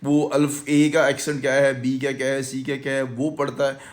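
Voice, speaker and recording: A man with a Pakistani Urdu accent promotes his English course at a language institute, sounding confident and salesy as he blends in English words. His mid-range voice stays monotone and holds a moderate pace.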